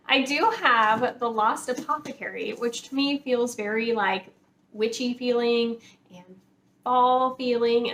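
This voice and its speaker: A woman with a fairly high, somewhat bright voice chats casually with her viewers, gushing enthusiastically and dropping "like" into her sentences. She comes across as an informal book vlogger. The recording carries clear background noise and room ambience.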